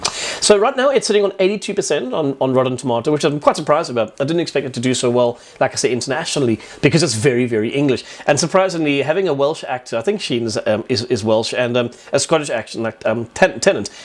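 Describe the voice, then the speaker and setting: Fast-talking man rambling through a review. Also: medium pitch. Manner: rambling, many fillers and restarts; chatty and enthusiastic. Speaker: video reviewer. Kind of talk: casual spoken review.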